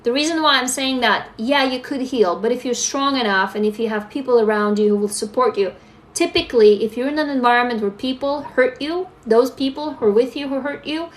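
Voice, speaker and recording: A young woman talks frankly into her phone on a live stream, answering viewers' comments as they come in. Her voice sits a little high for a woman, and she speaks in a casual, open, unscripted way. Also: fairly quick. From Russia. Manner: candid, talks straight to viewers, reads comments aloud. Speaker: livestream host.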